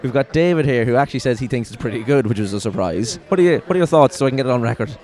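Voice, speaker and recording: A man's voice: medium pitch, lively intonation, very fast, darkish tone. A man hosting a podcast from a merch market stall, joking, rambling and swearing casually. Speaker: podcast host. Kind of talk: casual chat.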